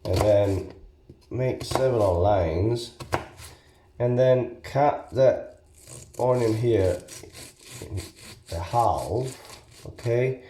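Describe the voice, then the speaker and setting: Man, Basque accent, non-native speaker, low mellow voice, halting step-by-step home cooking tutorial, echoey room with some noise. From Basque Country. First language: not English. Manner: halting, step-by-step, often checking with "okay?". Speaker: amateur home cook presenting. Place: home kitchen, indoors. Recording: echoey room, background hiss and clicks.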